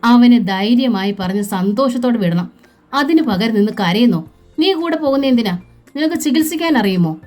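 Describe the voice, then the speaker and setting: A woman reading as a stern older father in a storybook reading, firm and scolding. The lines rise in pitch as he chides. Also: normal speed, darkish tone, faint music behind, natural voice.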